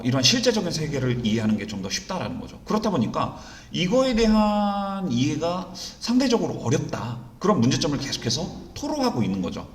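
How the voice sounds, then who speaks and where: A man teaching an exam-prep English reading lesson in Korean. He keeps asking rhetorical questions and answering them himself, and he reads the English sentences slowly and deliberately. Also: a little high. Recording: roomy echo.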